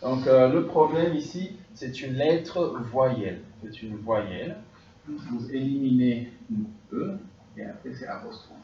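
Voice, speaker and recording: A man's voice: medium pitch, slow pace, mellow, far from the mic. A man teaching a class, drilling students and checking in with them often. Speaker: French teacher. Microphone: distant room mic. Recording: dull, echoey, noisy classroom recording from afar.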